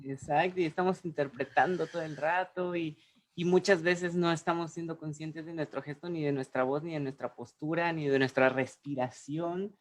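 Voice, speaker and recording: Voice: mid-range voice, fairly even intonation, moderate pace. Thoughtful co-host of a voice webinar. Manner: thoughtful, searches for words and corrects itself. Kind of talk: reflective webinar conversation.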